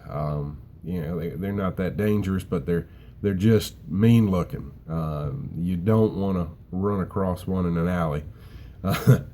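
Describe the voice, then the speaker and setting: A middle-aged man casually telling a long personal story as host, rambling and relaxed with many fillers. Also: low-pitched, a little hiss or hum. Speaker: author and host of a short story segment.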